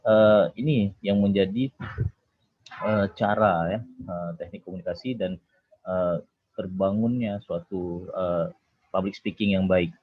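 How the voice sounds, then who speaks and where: A man, a doctor, giving an online seminar talk in a relaxed conversational way, with many filler sounds and tag words. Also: lowish voice, phone-quality sound.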